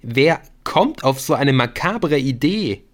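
A man reading an audiobook, voicing a grumbling teenage boy with a slow, weak voice. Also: medium pitch, sing-song, voice pushed up. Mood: shaken.

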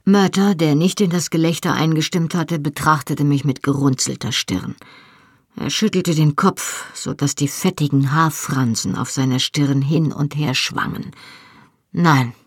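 A first-person audiobook narrator with a husky, slightly raspy tone. The reading is measured and expressive, recorded close and completely dry, with no room around the voice. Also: mid-range voice, no echo.

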